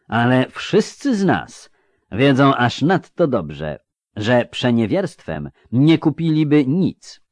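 A man reading an audiobook, voicing a grave nobleman with a bass voice. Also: darkish tone, no room sound.

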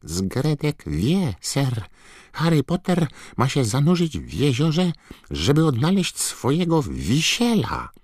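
A man voicing an excitable male house-elf servant who squeaks and screeches and talks about himself in the third person. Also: slow, dry recording, studio quality, heavily acted. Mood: eager, urgent.

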